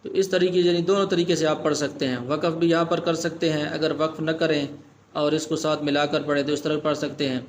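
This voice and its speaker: A man teaching Quran recitation rules, explaining each point plainly and then chanting the verses slowly. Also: a little high, little pitch movement, slight background noise. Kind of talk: tajweed lesson in Urdu with chanted recitation.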